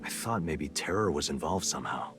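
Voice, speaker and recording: Very deep, grave special agent. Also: male voice, expressive, fairly quick. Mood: grave, earnest. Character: serious male special agent recounting his investigation. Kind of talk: scripted game acting. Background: music.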